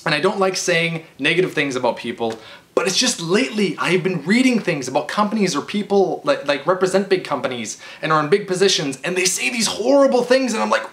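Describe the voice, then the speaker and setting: Brisk and expressive, a man's high, somewhat bright voice carries an emphatic, exasperated rant to camera. He's a video game vlogger in his 20s, improvising in his living room and often stammering before restarting, captured by a webcam or camera at about arm's length.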